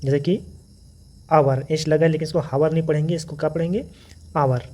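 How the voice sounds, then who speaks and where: A man's voice: on the high side, fairly even intonation, fast talker, warm tone. A man teaching English letter sounds, explaining patiently and repeating each example word. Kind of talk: phonics lesson.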